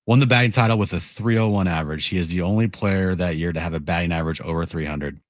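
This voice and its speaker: Co-host, man, very low voice, wry deadpan delivery, dry studio sound. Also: fast, no echo. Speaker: sports radio co-host. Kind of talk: casual sports talk radio. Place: radio studio.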